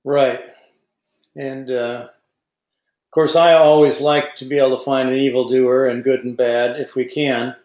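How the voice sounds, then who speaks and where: A man's voice: medium pitch, level tone, measured pace, darkish tone, reverberant, lo-fi sound. A man moderating an online webinar Q&A, reading out audience questions with folksy asides.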